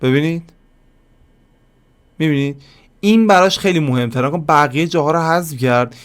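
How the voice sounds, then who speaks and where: A man giving a casual screen-recorded software lesson, talking to viewers like friends and thinking aloud as he clicks through settings. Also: fairly high pitch, clean tone. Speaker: software tutorial instructor.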